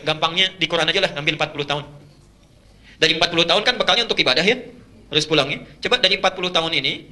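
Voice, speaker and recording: A man delivering an Islamic sermon in a high, lively voice at a fast clip. He stresses points by repeating them and chants verses from the Quran. His tone is bright and ringing. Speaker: preacher.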